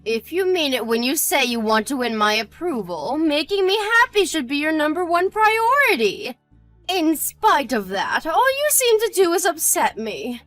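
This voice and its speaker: Woman acting a high-pitched, hurt and angry mother-in-law. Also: very animated, normal speed, a bit bright, no room sound, faint music behind. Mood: hurt, demanding. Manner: indignant, hurt and angry, scolding. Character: haughty, cruel, self-pitying older mother-in-law. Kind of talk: scripted audio drama acting.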